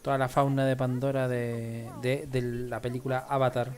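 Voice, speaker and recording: A man's voice: medium pitch, flat delivery, a little fast, a little mellow. A man with a Chilean Spanish accent, hosting a live stream and filling time with casual, rambling commentary. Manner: casual, rambling filler talk while waiting. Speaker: stream host.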